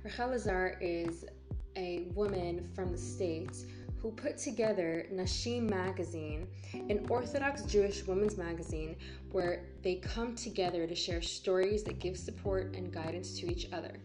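A woman's voice: fairly low pitch, a little slow. A woman host reading a scripted introduction of her guest. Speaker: show host. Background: music.

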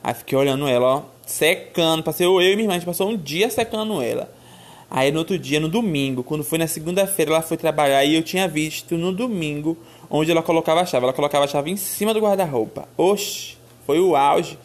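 Animated woman telling stories. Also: sits low, fast talker. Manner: animated, exclamatory, addresses listeners as "minha filha". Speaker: storyteller. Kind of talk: casual personal storytelling.

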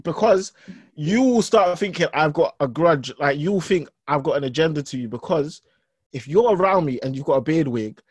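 Male, London roadman accent, fairly high pitch, casual teasing banter full of slang, very dry recording. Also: animated, normal speed, breathy edge, no echo. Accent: London roadman, Multicultural London English. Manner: slangy, teasing, emphatic repetition.

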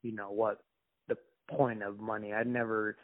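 A man's voice: lowish voice, level tone. Man from Somalia on a tinny call. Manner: halting, reflective, many restarts. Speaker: interview guest. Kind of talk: casual conversation. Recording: tinny phone-like call line.

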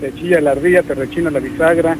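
A man's voice: on the high side, fairly even intonation, quick pace, noisy background. A man with a Mexican accent, a radio reporter chatting live with the host in a folksy, friendly way.

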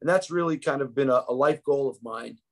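As a podcast guest, a man in his fifties from the United States, with a New York accent, relaxes into reflective, conversational storytelling. He frequently restarts phrases with little fillers, speaking fairly quickly in an ordinary middle pitch.

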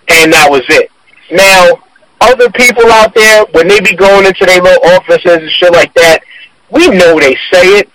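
A podcast guest, a man, speaks over a conference call. His voice is high and bright. He talks earnestly in long, run-on explanations during casual chat. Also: rough recording.

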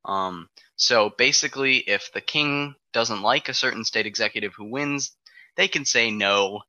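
Man presenter, very bright and forceful tone, dry close sound, laid-back explainer with ums. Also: medium pitch, measured pace, no echo, low-quality recording. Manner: walks through dates step by step, frequent ums. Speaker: presenter of an alternate history timeline. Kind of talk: casual explanatory podcast talk.

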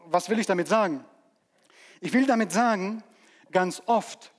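A man preaching with a high, lifted voice that carries through a church hall with a long echo. He pushes his points loudly, then drops to quiet, dramatic asides. The reading and the retold scenes stay in his own preaching voice. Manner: animated preaching that swings between loud peaks and hushed dramatic asides. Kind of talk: sermon.

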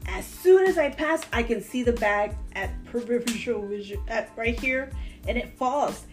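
Chatty high-voiced woman. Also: moderate pace, faint music behind. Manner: animated, rambling, laughs often. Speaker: podcast co-host. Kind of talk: casual chat, storytelling.

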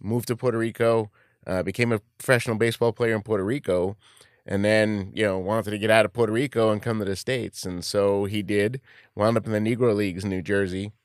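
Low, clear man. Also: fairly even intonation, brisk, no echo, clean studio sound. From Queens, New York. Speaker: interview guest, club communications executive. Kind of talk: casual conversational reminiscence.

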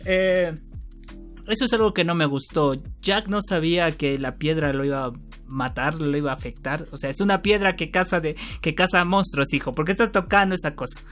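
A man's voice: a little high, a little fast, fairly bright tone, faint music behind. A man co-hosting a podcast in casual chat, teasing his partner and laughing often. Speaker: podcast co-host.

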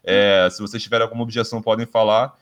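A man's voice: lowish voice, little pitch movement, fast talker. A Brazilian man hosting a casual sports podcast, rambling and swearing freely with lots of restarts. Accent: Brazilian Portuguese. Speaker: podcast host.

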